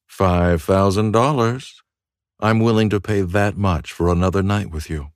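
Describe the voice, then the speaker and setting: A woman voicing a domineering wealthy man, speaking low and commanding in an audiobook story. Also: unhurried, no echo, studio quality.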